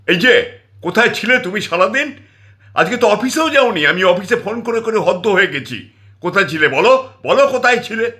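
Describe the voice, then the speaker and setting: A man's voice: sits high, expressive, moderate pace, sharp tone, voice pushed up. A man voicing a middle-aged wife who screeches and scolds her husband, nagging and indignant. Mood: shrill scolding.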